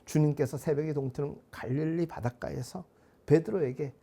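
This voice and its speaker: A male pastor delivers a sermon in a gravelly, husky voice that sits a little high for a man. His tone is dark and mellow, and his preaching is measured and earnest, with rhetorical questions put to the congregation.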